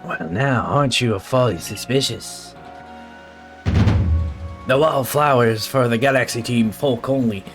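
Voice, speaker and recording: A man voicing a gruff, suspicious male gate guard who speaks brusquely. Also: mid-range voice, a little slow, pauses often, fairly bright tone, soft background music, natural voice.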